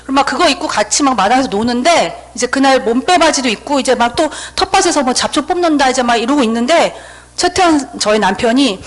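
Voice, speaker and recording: A woman in her thirties giving a seminar talk, telling a lively story and acting out her own dialogue. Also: high-pitched, a little fast, low-quality recording. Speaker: invited seminar speaker. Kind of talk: motivational storytelling speech.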